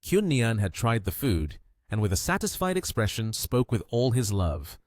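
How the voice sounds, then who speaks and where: A man narrating a comic story recap with a lively, animated reading. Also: mid-range voice, normal speed, no room sound.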